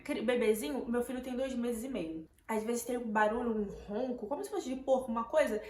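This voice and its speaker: A woman's voice: on the high side, fairly quick, warm tone. A young woman with a Brazilian Portuguese accent, retelling a tense night to her viewers in casual, emotional storytelling that keeps repeating words. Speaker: vlogger. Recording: echoey room, faint background noise.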